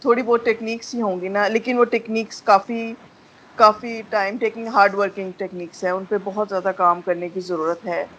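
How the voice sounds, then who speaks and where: A woman's voice: medium pitch, dull audio, slight background noise. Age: adult. Sex: woman. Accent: Pakistani Urdu. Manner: candid, mixes English in. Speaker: voice-over student. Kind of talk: testimonial.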